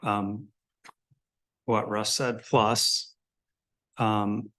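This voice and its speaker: A man's voice: lowish voice, flat delivery, very slow, pushed and bright. A man chairing a public commission meeting, informal and decisive, with a joking manner.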